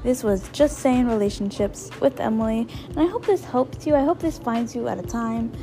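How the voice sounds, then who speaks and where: Gravelly, hoarse woman hosting a podcast. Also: a little high, normal speed, warm tone, soft background music. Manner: rambling, informal, repeats phrases for emphasis. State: hoarse, voice partly lost. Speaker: podcast host. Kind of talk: casual solo advice podcast.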